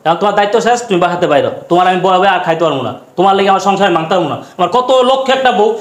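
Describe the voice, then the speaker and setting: A man's voice: sits high, expressive, racing. An actor playing a brusque young husband who throws his father out to please his wife. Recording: echoey room.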